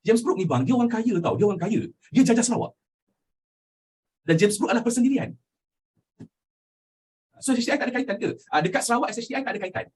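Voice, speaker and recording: Young Malaysian male teacher, husky, quick delivery, quizzes the class often. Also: high voice. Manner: animated, asks students questions constantly, mixes in English phrases. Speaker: history teacher. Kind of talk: lively classroom lecture.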